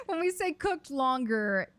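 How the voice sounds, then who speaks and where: A woman's voice: mid-range voice, lively intonation, moderate pace, no room sound. Emphatic woman on a panel chat. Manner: emphatic, builds up her point.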